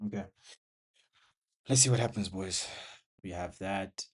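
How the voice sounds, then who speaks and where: A man's voice: deep voice, a little slow, husky. A young man recording a casual trading vlog at home, talking viewers through his trade in short broken phrases and a little out of breath. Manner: talks to viewers while watching the screen, in short broken phrases. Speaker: trading vlogger. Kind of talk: casual live commentary. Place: bedroom at home.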